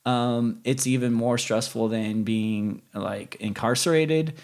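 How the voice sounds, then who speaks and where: A man's voice: mid-range voice, steady tone, takes it slowly, darkish tone. A man speaking candidly and reflectively as a guest in a casual conversational interview.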